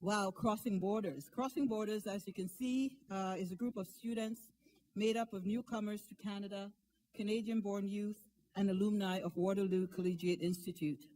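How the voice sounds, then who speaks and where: Woman, award presenter, mellow tone, warm, enthusiastic speech. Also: medium pitch, steady tone, normal speed, low-quality recording. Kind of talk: prepared ceremony speech.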